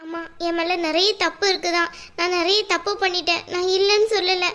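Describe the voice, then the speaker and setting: A woman's voice: very high-pitched, little pitch movement, brisk, bright, forceful tone. A woman voicing a remorseful younger sister in a cartoon, pleading and apologetic. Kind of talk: cartoon voice acting.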